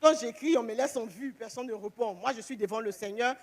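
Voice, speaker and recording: A woman giving an emotional church testimony, animated, acting out the phone calls she tells about. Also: fairly high pitch, brisk, in a large hall.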